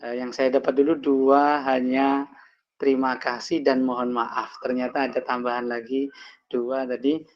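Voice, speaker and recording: A man's voice: medium pitch, little pitch movement, normal speed. A male teacher asking a question in a webinar. He thanks the speaker, then asks with hesitation. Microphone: video call. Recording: dull lo-fi online call audio.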